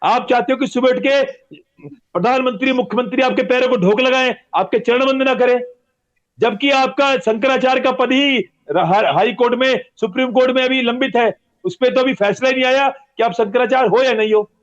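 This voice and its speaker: A man's voice: very high voice, moderate pace. A religious man answering an interviewer with heated, repetitive and accusatory talk. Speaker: religious guest. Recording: dull lo-fi audio.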